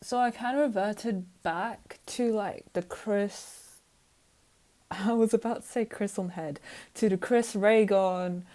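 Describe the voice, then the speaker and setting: A woman's voice: mid-range voice, fairly even intonation, takes it slowly, warm tone. Woman vlogger, casual rambling monologue, self-mocking, plenty of fillers.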